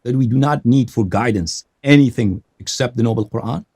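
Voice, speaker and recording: A male host with a gravelly, husky voice that swings widely in pitch. He grills his caller with pointed, animated questions during a live debate show. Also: brisk.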